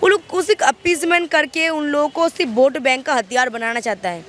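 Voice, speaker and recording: Woman from West Bengal, high voice, emphatic street interviewee, faint outdoor noise. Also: brisk, fairly bright tone. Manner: emphatic, repeats and restarts words.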